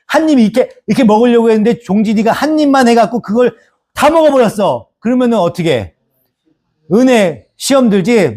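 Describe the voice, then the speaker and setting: A man preaching a Sunday sermon as pastor, animated and asking the congregation for agreement again and again. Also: high voice. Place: church sanctuary.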